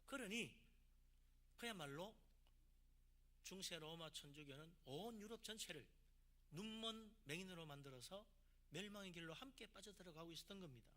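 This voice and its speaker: A man's voice: high-pitched, animated, normal speed, long pauses, sharp tone. A man, a pastor from South Korea, preaching a sermon with emphatic delivery and rhetorical questions.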